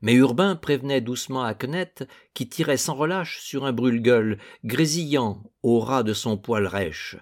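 A man narrating a literary novel in a measured, deliberate reading. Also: mid-range voice. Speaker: audiobook narrator.

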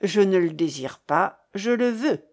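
A woman voicing a fierce, despairing gentleman who speaks in curt, commanding demands. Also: mid-range voice, expressive, a little slow. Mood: gruff insistent. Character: fierce, despairing man, gruff marquis.

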